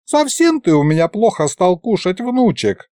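A man's voice: high-pitched, very animated, normal speed, warm tone, dry recording, voice pushed up. A man voicing a doting, teasing old grandfather with a folksy rustic drawl in a raised voice.

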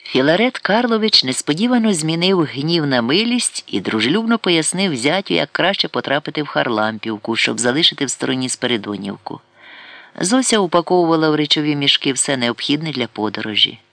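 Lively man reading an audiobook. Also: a little high, brisk, creaky, dry recording. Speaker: narrator. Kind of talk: audiobook reading of a comic novel.

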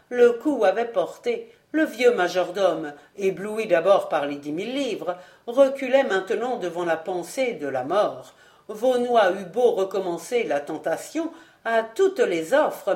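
A woman narrating an audiobook of a classic novel in a measured, even storytelling manner. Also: medium pitch. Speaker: audiobook reader. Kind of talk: scripted narration.

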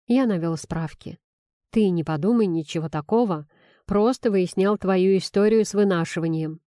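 A woman reading a romance audiobook, voicing a confident, coaxing male doctor in a soft, hushed tone. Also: medium pitch, moderate pace, no room sound, clean studio sound, natural voice. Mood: tender coaxing.

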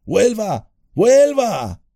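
A man voicing a loyal young male hobbit servant, earnest and excitable. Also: on the high side, moderate pace, no echo, studio quality, pitched above the performer's own voice. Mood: alarmed. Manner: excitable, self-scolding.

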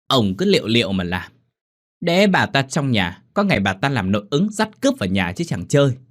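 A man voicing a scheming, sharp-tongued middle-aged wife who eggs her husband on, in a Vietnamese ghost story. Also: mid-range voice, big pitch swings, normal speed, breathy edge, pitched above the performer's own voice.

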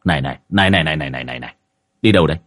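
A man's voice: very deep voice, very fast, pitched below the performer's own voice. A man voicing a brash young male ghost-catcher in an audio story, who swears and barks orders. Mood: commanding. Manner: shouting, swearing, bossing.

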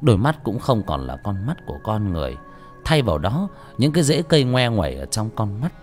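Cast: male storyteller with a low voice, very lively intonation, faint music behind. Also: a little fast. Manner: expressive, dramatic. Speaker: audiobook narrator. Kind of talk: dramatic story narration.

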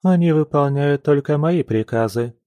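A man reading an audiobook, voicing a cold, domineering young noblewoman who speaks quietly and with menace. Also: on the high side, moderate pace, no echo, pitched above the performer's own voice, close to an everyday voice. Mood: icy, menacing. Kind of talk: audiobook character voice.

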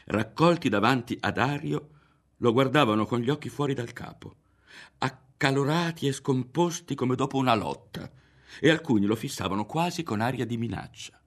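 A man narrating a literary novel in a dramatic, expressive reading with voiced characters. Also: medium pitch, normal speed. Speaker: audiobook reader.

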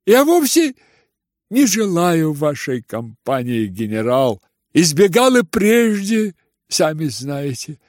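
A defiant, ailing youth keeps up a mocking, needling tone in a novel reading, voiced by a man. He drags out his words, his pitch climbing high and sarcastic. The sound is dry and close. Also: sing-song, takes it slowly, no room sound.

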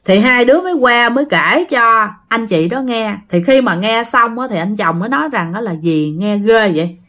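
A woman's voice: on the high side, animated, moderate pace, pushed and bright. A woman with a Southern Vietnamese accent telling a spooky story in a chatty, casual way, talking straight to her listeners. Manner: chatty, addresses listeners directly. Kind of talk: casual ghost story narration.

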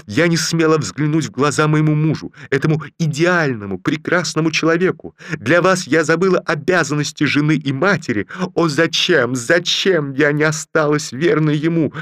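A man voicing a spiteful, jilted officer's wife who scolds in a shrill, snappy way. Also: moderate pace, few pauses, a bit bright, dry recording, studio quality, close to an everyday voice. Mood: indignant.

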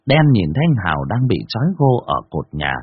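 Husky man narrating a horror tale. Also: fairly low pitch, fairly quick, dry recording. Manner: lively expressive telling. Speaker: storyteller. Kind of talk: dramatic horror story narration. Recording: dull dry sound.

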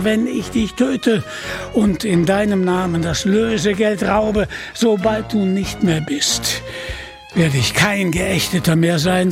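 Guy doing a snarling mocking outlaw villain in a radio story, highish voice, music underneath. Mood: gloating. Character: brutal scheming male outlaw Guy of Gisborne.

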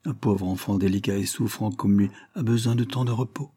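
A man's voice: on the low side, fairly even intonation, fairly quick, warm tone, slightly rough. A man voicing a sly, lying old peasant widow who whines and pleads. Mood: whining pleading.

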